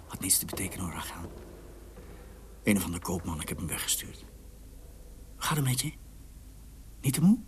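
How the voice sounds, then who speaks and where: A secretive, mocking recluse. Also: male voice, mid-range voice, big pitch swings, a little slow, long pauses, fairly bright tone, a little hiss or hum. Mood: tender. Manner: swings between mocking and frantic whispers. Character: secretive, agitated man hiding at home. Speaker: lead character. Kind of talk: radio drama acting.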